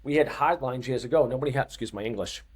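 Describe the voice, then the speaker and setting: A medium-pitched, breathy voice belongs to this man in his fifties, who speaks at a quick pace with a Boston accent. As a fitness coach guesting on an easygoing podcast, he stresses ideas by saying phrases again.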